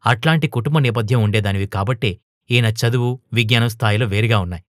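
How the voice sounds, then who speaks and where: A man's voice: mid-range voice, fast, no echo, clean studio sound, natural voice. A man voicing an indignant young woman teacher. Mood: earnest. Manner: earnest, rising to heated protest.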